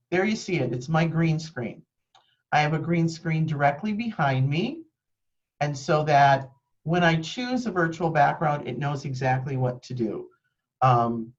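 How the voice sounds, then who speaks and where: A woman's voice: sits low, highs cut off. A woman leading a live video-call training from her home office, explaining things practically with frequent ums. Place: home office with green screen. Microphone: webcam microphone.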